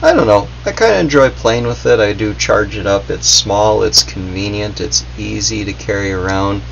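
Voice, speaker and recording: Speaking at an ordinary pace, this reviewer has a lowish, creaky voice with plenty of expression. Seated at a workbench in a basement, he rambles through an off-the-cuff gadget review, hesitant and noncommittal. The sound is dull and carries a faint background hum.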